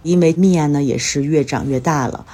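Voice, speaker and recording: Speaking a touch quickly, a Chinese woman with a low, warm voice and a breathy edge tells everyday stories on her solo podcast. It's a relaxed life-update monologue, and she comes across as somewhat worn out and under the weather.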